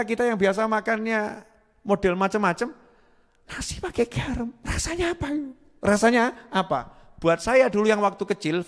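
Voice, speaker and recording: A man's voice: high-pitched, a bit bright, long reverb tail. A man preaching a sermon, asking the crowd questions and answering them himself, repeating key words and chanting Arabic phrases.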